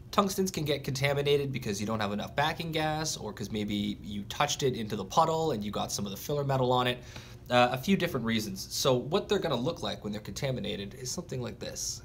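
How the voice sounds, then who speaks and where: A man's voice: mid-range voice, slight background noise. A man teaching welding in a workshop, explaining each step plainly while he demonstrates. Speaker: welding instructor. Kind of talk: instructional demonstration.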